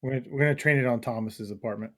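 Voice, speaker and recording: A man's voice: medium pitch, rapid-fire, fairly bright tone. Male tabletop player, takes charge, plans aloud, casual.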